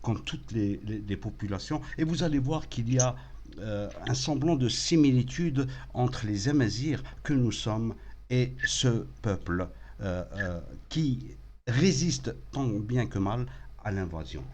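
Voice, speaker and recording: A man's voice: mid-range voice, expressive, darkish tone. A man hosting a live online talk show, welcoming guests with many hesitations and restarts. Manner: halting, repeated hesitations and restarts. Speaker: host.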